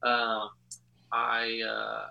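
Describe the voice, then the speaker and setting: A man, a band's guitarist, introducing himself in a hesitant, halting way. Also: mid-range voice, monotone, gravelly, dull audio. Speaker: band guitarist, guest.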